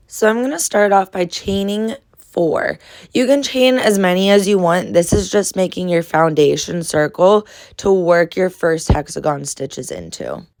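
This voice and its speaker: A woman's voice: lowish voice, a little mellow, no echo. A woman with a nasal, stuffed-up voice from a cold, hosting a friendly step-by-step crochet tutorial. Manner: friendly, instructive, addresses viewers as friends.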